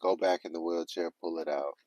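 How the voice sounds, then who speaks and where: A man recounts a story casually on his livestream, cursing often and performing his own frantic self-talk with lots of energy. His voice sits low, he talks fairly quickly, and the audio quality is poor.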